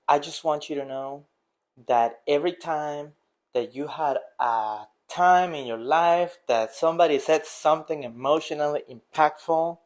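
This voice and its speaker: An earnest Spanish teacher from Costa Rica, whose first language is Spanish, gives a casual motivational talk to camera. His voice is on the high side with a measured pace, and he rambles with many restarts and fillers.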